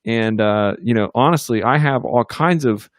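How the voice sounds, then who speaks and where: A man of middle pitch chats loosely on a home livestream, stringing thoughts together with fillers and restarts. His voice sounds close and dry, with no room echo at all. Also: normal speed. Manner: rambling, upbeat, lots of fillers and restarts. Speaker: co-host of a ministry livestream. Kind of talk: casual livestream chat. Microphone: computer or webcam mic in a home studio.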